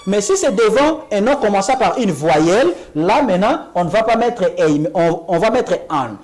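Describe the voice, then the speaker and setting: On TV, a woman gives an English lesson, talking in French with a lively pitch. She slowly repeats English examples and asks "Ok?" to check understanding.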